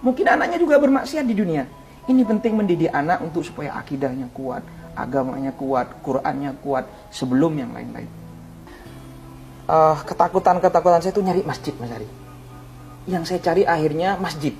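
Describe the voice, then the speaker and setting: A man's voice: fairly high pitch, lively intonation, brisk, a little mellow, soft background music. A man, an Islamic preacher, giving an emotional testimony in an interview, tearful and prayerful, often calling the host by name. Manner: fervent storyteller who keeps calling the host by name; tearful, prayerful cries to God. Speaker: ustadz, interview guest.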